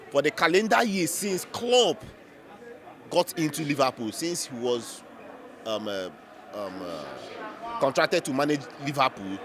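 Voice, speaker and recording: A man with a Nigerian accent giving unscripted football reaction as a fan, emphatic and repeating phrases for effect. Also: on the high side.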